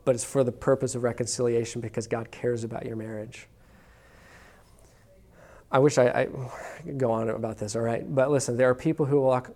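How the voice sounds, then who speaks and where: A man's voice: mid-range voice, darkish tone. A man preaching a sermon to a congregation in a casual, conversational way, often checking in with "okay?". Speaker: pastor. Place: church room with congregation.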